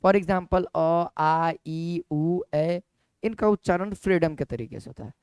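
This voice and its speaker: A man teaching an exam-prep class in a smooth, resonant voice, recorded close and dry with almost no room sound. He repeats key points over and over, asks his students questions and answers them himself. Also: on the high side, slow, a little mellow, dry recording.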